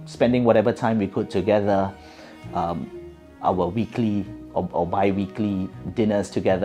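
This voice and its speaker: Thoughtful but peppered with fillers and restarts, a middle-aged guest from Singapore answers interview questions in a Singaporean English accent. He has a lowish voice with a dark tone.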